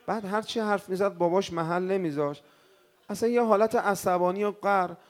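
A male cleric telling a mournful story in a sermon, swinging from hushed words to crying out. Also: high voice. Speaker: cleric preacher.

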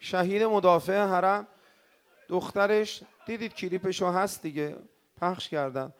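Man, preacher, mourning sermon, fairly high voice, hushed then loud. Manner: emotional, swinging from hushed to crying out. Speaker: cleric preacher.

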